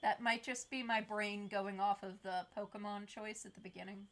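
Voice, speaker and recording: A woman's voice: mid-range voice, flat delivery, moderate pace, a bit bright. A woman giving casual, blunt, joking commentary while playing through a video game.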